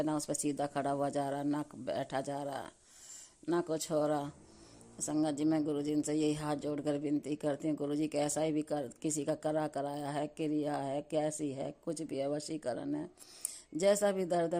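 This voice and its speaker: A woman's voice: sits low, dark tone. A middle-aged woman from Delhi giving a devout, repetitive testimony to her congregation, often breaking off words and starting over. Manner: devout, repetitive, many restarts; halting, cuts off words midway. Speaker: devotee sharing testimony.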